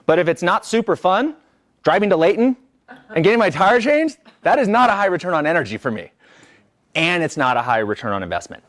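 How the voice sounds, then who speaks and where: Energetic man coaching a workshop group. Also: sits high, fairly quick. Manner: energetic, conversational, checks in with the group. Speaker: business coach. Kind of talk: live coaching workshop talk.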